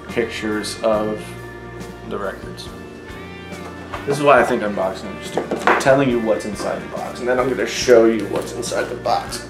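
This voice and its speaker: A man in his forties talking casually in a wry, chatty way, speaking straight to his viewers in an unboxing vlog. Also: medium pitch. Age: 40s. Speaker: tech YouTuber host. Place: home room. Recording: roomy echo with faint music.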